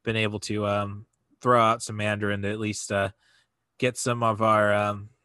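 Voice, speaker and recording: A man chatting casually on a podcast, talking haltingly with many fillers and restarts. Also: on the low side, little pitch movement, sharp tone, clean tone, no room sound.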